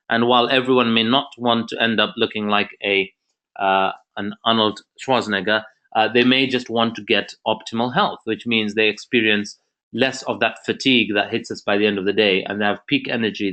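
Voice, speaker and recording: Presenting an online info session on a video call, a Zambian man speaks earnestly and motivationally, his sentences long and flowing. He has a low-leaning voice with a sharp edge.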